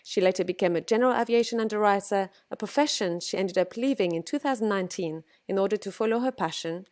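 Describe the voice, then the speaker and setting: A woman's voice: mid-range voice, fast, darkish tone. A woman podcast host with a mixed French and South African accent, reading a playful scripted introduction and asking interview questions. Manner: playful, teasing asides. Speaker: podcast host, yoga teacher.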